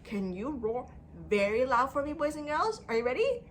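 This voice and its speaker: A woman with a high-pitched voice and big pitch swings leads an interactive storytime lesson for young children at a moderate pace. She speaks in an exaggerated sing-song manner, using prompting questions and repetition, with a little hiss or hum in the audio.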